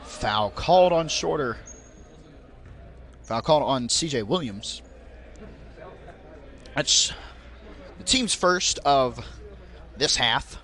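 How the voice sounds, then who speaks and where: A young man calling basketball play by play in a rapid, auctioneer-like patter that rises on big plays. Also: medium pitch, animated, fairly bright tone. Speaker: play-by-play commentator.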